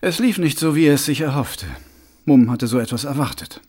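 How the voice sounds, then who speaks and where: A man reading a novel aloud as an audiobook, with dramatic, expressive storytelling. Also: medium pitch, a little fast, slightly rough. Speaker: audiobook narrator. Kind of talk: scripted audiobook narration.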